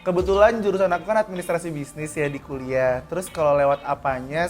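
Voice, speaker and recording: A twenty-one-year-old man, a student and barista, giving relaxed, casual interview answers. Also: on the high side.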